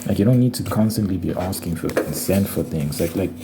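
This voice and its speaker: A man's voice: low-pitched, fairly quick. A young man rambling casually in an ASMR video, talking in an informal, slangy, complaining way. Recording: noisy recording with clicking sounds.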